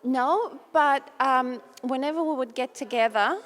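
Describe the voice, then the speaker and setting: A woman's voice: high voice, a little slow. A woman from Bulgaria, answering interview questions in an earnest, chatty way with many fillers. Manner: earnest, warm storytelling with fillers. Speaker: interviewee, folk dancer.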